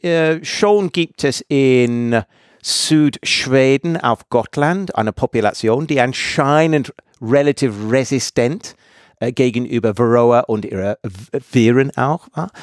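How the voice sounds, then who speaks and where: A man's voice: medium pitch, no echo, clean studio sound. A man from England with an English accent, a native English speaker, speaking as a guest researcher in a casual interview and searching for words as he goes.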